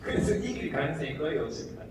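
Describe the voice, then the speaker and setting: Picked up from a distance in echoey, noisy hall audio, a man performs a comedic talk concert before a live crowd in a large hall. His fairly high voice stays animated and full of jokes, with quick asides mimicking how people from different regions speak.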